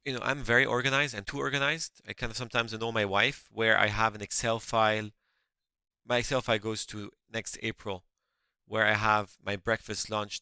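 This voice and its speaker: A fairly low, gravelly voice, pushed and bright, belongs to a middle-aged company founder who grew up in France and learned English later. Answering interview questions, he is earnest and keeps restarting his words. The recording is smooth and echo-free.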